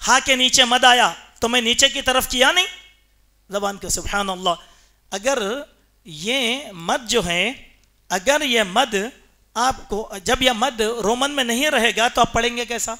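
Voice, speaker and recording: A man's voice: very high voice, bright, forceful tone. A man giving a Friday sermon in a mosque, speaking emphatically and quizzing the congregation with rhetorical questions. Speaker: preacher.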